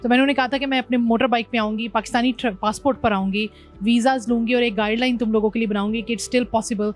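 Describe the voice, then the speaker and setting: A woman's voice: on the high side, steady tone, fast talker, soft background music. A woman from Pakistan, a motorbike traveller, telling her journey in an interview, mixing English words into her speech. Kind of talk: interview conversation.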